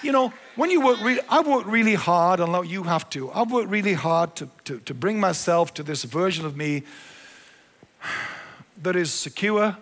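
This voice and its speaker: A man's voice: sits high, animated, normal speed, fairly bright tone, in a large hall. A male pastor preaching a sermon, emphatic and repeating his key phrases.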